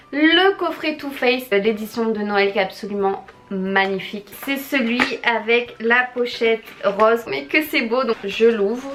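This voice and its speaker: A woman's voice: a little high, measured pace, a bit bright. A young woman vlogging as she unboxes gifts, gushing and exclaiming to her viewers and to the friend who sent them. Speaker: beauty vlogger. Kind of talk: excited unboxing chat.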